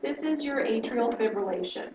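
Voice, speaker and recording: Higher-voiced woman teaching in an echoey room. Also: expressive, moderate pace, background noise. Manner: explanatory, checks in with frequent "okay?". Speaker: instructor. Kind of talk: lecture-style teaching. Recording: roomy, distant, dull lo-fi sound.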